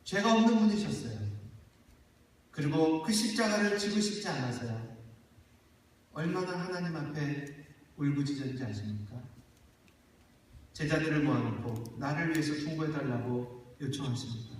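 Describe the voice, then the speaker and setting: A middle-aged man preaching a sermon as pastor, putting questions to the congregation and swinging from loud cries to quiet, earnest talk. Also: on the high side, expressive, moderate pace, pauses often, slight background noise. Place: church sanctuary. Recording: echoey church hall from far off.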